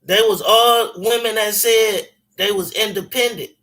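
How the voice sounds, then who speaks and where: Man, forties, high-pitched, bright sharp tone, rambling casual phone chat, slangy and emphatic. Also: a little slow, rough recording. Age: 40s. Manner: rambling, emphatic, slangy and profane, many restarts. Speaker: caller on a phone conversation.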